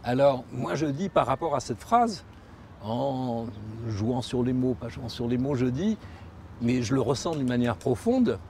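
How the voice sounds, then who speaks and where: A native Spanish speaker gives a reflective documentary interview, thoughtful and halting, frequently restating and rephrasing as words escape him. At a medium pitch, his voice is animated and a little mellow. A little hiss or hum is present.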